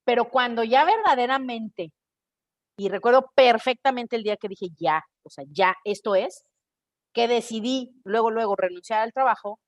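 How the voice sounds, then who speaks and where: A Mexican woman with a Mexican Spanish accent shares a personal story in a relaxed podcast monologue. She is animated and expressive and often acts out her own thoughts in quoted voices. Her voice sits a little high, and the recording is dry and close. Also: moderate pace, no room sound. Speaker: podcast host.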